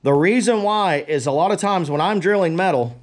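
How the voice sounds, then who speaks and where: A high-pitched man speaking at a moderate pace works as a blacksmith and explains a how-to to viewers, casual, unscripted, and folksy. Power tools and clattering fill the cluttered forge workshop around him.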